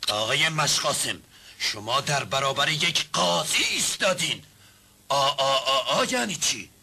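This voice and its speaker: A raspy, pompous self-made judge. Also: male voice, mid-range voice, animated, pushed and bright, full character voice. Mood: stern. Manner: pedantic, orders silence, corrects words. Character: stern, pompous nobleman acting as judge.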